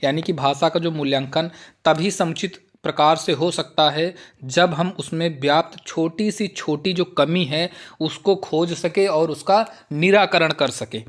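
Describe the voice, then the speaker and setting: Male exam-prep tutor, fairly high voice, reads options slowly and explains plainly. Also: fairly even intonation. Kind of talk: Hindi exam-prep lesson with slow Sanskrit reading.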